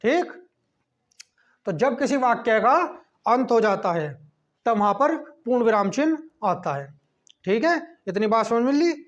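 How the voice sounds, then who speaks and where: A man teaching a class lesson, checking in with a quick "okay" between points as he explains. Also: extremely high pitch, expressive. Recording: dull lo-fi recording.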